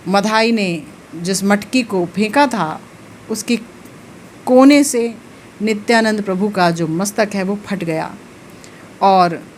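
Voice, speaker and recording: Slow-speaking woman telling devotional stories. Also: mid-range voice, slight background noise. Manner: slow, emotive storytelling with rising emphasis. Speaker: spiritual teacher. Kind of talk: devotional storytelling discourse.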